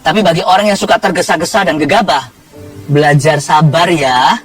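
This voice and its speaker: A man with a high voice preaches a lively sermon, mixing humor with acted-out quotes. He sounds a little distant from the mic. Soft music plays underneath him. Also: a little fast. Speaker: pastor.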